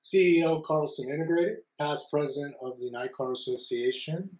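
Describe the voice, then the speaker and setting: A man hosting a real estate roundtable on a video call, reading a measured scripted introduction while his audio sounds muffled and boxy, as if he were inside a closet. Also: fairly high pitch, steady tone, a little mellow. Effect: muffled, boxy audio, as if speaking from inside a closet.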